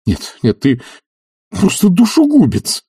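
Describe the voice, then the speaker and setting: A man voicing an idle, anxious gentleman who frets and flares up sharply, for an audiobook. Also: high voice, huge pitch swings, slow pace, slightly rough, no room sound, clean studio sound, far from the mic, pitched above the performer's own voice, exaggerated voice. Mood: exasperated. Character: idle, anxious young gentleman, easily exasperated.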